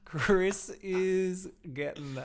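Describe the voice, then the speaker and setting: An Australian podcast co-host recaps TV in a camp, gossipy style, laughing often. His voice is high-pitched and he speaks very slowly.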